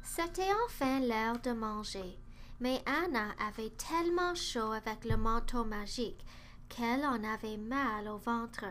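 A woman reading a children's storybook aloud, slowly, clearly and carefully. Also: a little high, a bit bright, slight background noise. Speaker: narrator.

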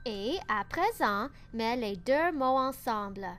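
A woman's voice: fairly high pitch, lively intonation, slow, fairly bright tone, slight background noise. A woman voicing a wise, teasing old owl who asks patient, coaxing questions.

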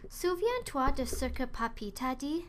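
A woman voicing a kind, wise grandmother in a storybook reading, gentle and coaxing. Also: high voice, big pitch swings, unhurried, a little hiss or hum.

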